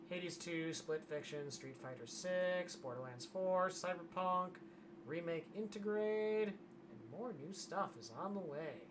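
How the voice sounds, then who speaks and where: A hoarse streamer in casual livestream commentary, wry and grumbling, reading aloud from a web page. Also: medium pitch, lively intonation, slow, noisy background. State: losing voice, hoarse.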